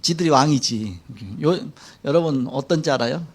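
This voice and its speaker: Animated middle-aged man preaching in church. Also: fairly high pitch, moderate pace, husky. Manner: colloquial and animated, acting out quotes, chuckling. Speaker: pastor. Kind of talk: sermon lecture.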